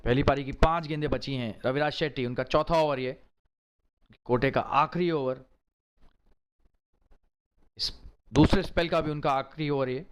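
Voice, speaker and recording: A man delivers excited cricket commentary in a somewhat high-pitched voice. He works as a live match caller, following the play closely and exclaiming in short, emphatic bursts of praise. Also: clear, resonant tone.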